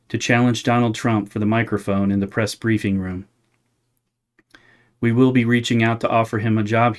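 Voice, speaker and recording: A man reading scripted satirical news as a parody news anchor, presenting absurd items as straight news. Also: lowish voice.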